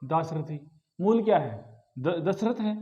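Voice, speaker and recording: A man with a fairly high but dark, mellow voice gives a grammar lesson. He explains patiently, repeats key words and asks rhetorical questions. The recording is dull and lo-fi. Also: expressive, normal speed. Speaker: Hindi grammar teacher.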